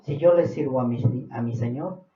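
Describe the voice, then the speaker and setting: A man preaching a sermon as pastor, building to emphatic questions and then dropping to quiet reflective lines. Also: mid-range voice, moderate pace, a little hiss or hum. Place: church hall. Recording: roomy, dull church recording.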